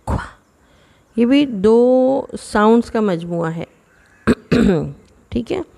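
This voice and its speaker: A woman teaching phonics to children in a patient, explaining way, sounding out words slowly. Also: on the high side, creaky, a little mellow.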